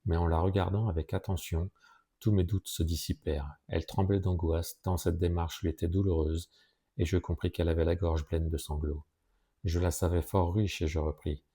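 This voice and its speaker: A man narrating a classic story in a measured, even way. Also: deep voice, slightly rough. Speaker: audiobook narrator.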